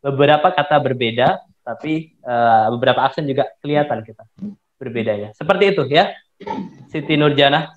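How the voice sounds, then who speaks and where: A man's voice: medium pitch, brisk, slight background noise. A man as the invited speaker, patiently explaining an answer and mixing English terms into his talk, heard over a video call. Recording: echoey, dull video-call audio.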